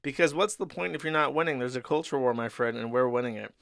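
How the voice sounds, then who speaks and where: A man's voice: medium pitch, fast, creaky, fairly bright tone, no echo, studio quality. A man voicing a smug, preachy male pundit from a comic strip, in a lecturing, self-satisfied way.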